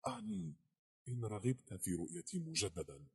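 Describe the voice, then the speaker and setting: A man voicing an earnest young woman who speaks softly and hesitantly in a storybook reading. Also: mid-range voice, wildly swooping pitch, brisk, gravelly, husky, voice pushed up, heavily acted. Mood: tender.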